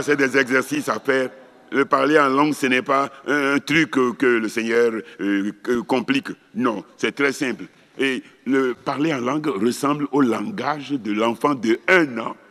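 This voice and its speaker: An older man giving an animated charismatic teaching, telling stories and chanting syllables as he teaches. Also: medium pitch, normal speed. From West Africa. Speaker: preacher. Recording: long hall reverb.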